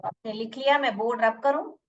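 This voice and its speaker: A woman teaching English in a lesson, repeating words slowly to drill pronunciation. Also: a little high, darkish tone, distant mic, dull audio. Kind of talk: bilingual classroom lesson. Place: room with a board.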